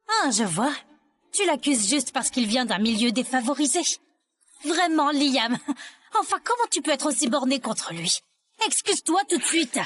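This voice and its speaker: A sneering, scornful sister. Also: female voice, high voice, lively intonation, normal speed, fairly bright tone, slight background noise. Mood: reproachful. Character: scornful sister, sharp-tongued and contemptuous. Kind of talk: French-dubbed drama.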